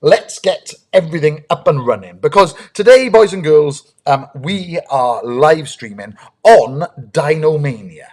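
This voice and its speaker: Brief: male host for a kids' live stream, slightly high and very animated pitch, eager, chatty, lots of ums. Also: measured pace, few pauses. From United Kingdom. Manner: lively and eager, greets chat viewers, many ums. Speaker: host, dinosaur ranger. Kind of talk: live-stream chat with young viewers.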